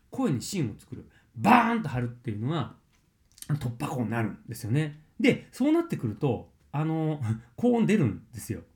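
A man's voice: mid-range voice, dark tone. A man explaining singing technique as a voice coach, in a chatty, loose way with frequent fillers and self-corrections. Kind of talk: casual spoken lesson.

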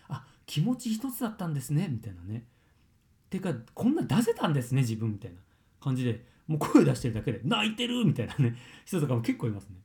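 Lively male voice coach. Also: fairly high pitch. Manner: lively, filler-heavy explaining with sudden loud acted-out exclamations. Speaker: voice trainer. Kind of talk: casual spoken lesson.

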